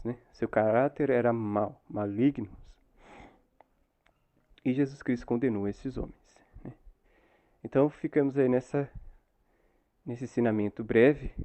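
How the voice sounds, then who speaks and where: Brazilian guy teaching bible to new believers, mellow voice, keeps checking in w/ little tag questions. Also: medium pitch. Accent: Brazilian Portuguese. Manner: explanatory, tags phrases with frequent "né?".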